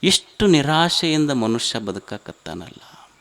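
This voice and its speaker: A man's voice: medium pitch, sing-song, measured pace, fairly bright tone. A man with a North Karnataka Kannada accent, a monk giving a village sermon who tells folk stories, repeats lines for emphasis and puts rhetorical questions to the audience. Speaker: monk giving a religious discourse.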